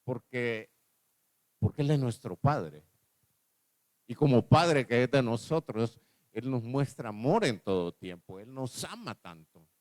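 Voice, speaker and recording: A man's voice: medium pitch, animated, dry recording. A male pastor from El Salvador, preaching a sermon, asking the congregation questions and repeating key phrases. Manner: slows down and drops his voice on key words.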